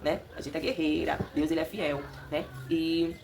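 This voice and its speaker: A woman's voice: low-pitched, fairly even intonation, moderate pace, creaky. A young woman chatting casually to her viewers, emotional and laughing as she tells her story at home. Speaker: vlogger. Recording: noisy home recording.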